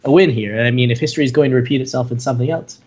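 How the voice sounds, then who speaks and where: A man's voice: medium pitch, rapid-fire, a little mellow. A young man co-hosting an esports fan podcast, rambling through casual chat with many "uh"s and restarts. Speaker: podcast co-host. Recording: dull lo-fi podcast audio.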